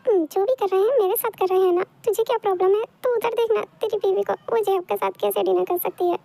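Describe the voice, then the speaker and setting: A woman's voice: extremely high pitch, fairly even intonation, fast talker, creaky, warm tone, no echo, soft background music. A woman voicing a stern older sister in a Hindi fan dub, snapping out scolding retorts.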